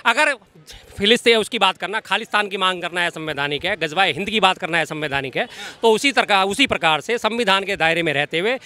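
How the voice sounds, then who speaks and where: A man in a heated street debate, talking forcefully and repeating his points as he lectures. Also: sits high, a little fast.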